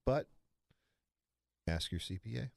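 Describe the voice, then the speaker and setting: Taking his time, a man in his sixties speaks in a lowish, gravelly, darkish voice with lively intonation. The clean studio recording has no echo as he co-hosts financial talk radio, chatting casually and wandering into folksy asides.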